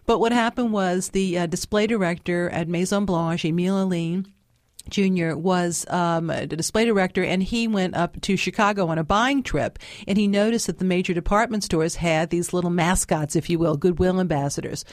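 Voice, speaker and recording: New lady in her 50s, lowish voice, dry close sound, lots of ums and restarts. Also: moderate pace, dry recording. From New Orleans. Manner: chatty, many fillers and restarts. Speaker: guest author. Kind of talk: casual interview chat.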